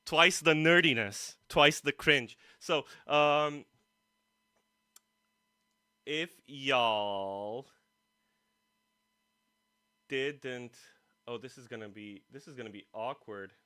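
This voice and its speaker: This guitar livestream host talks very slowly with long pauses, his medium-pitched voice pushed, bright and smooth in a dry, clean studio recording. He rambles self-deprecatingly to viewers and himself, with music playing and a streaming mic placed badly.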